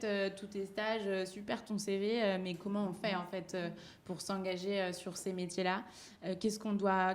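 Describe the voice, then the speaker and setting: A woman in her twenties from France, speaking live to an audience on a panel, hesitant with many fillers. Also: fairly low pitch. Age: 20s.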